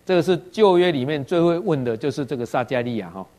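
A Taiwanese man with a Taiwanese Mandarin accent preaches a sermon in a fairly high, dark-toned voice, animated and fast. He often tags lines with "ha" and asks his listeners questions, and he acts out quoted dialogue in varied voices.

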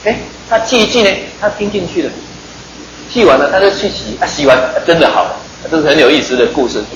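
Male preacher, chatty and quick sermon delivery, roomy hall with faint noise. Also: a little high. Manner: chatty, joking, asks the listeners rhetorical questions.

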